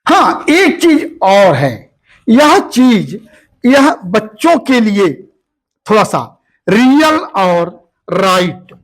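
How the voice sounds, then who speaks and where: Slow, lively-voiced male grammar teacher. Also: sits high. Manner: explains step by step, addresses students as "beta"; slow, repeats words aloud for practice. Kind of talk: grammar lesson.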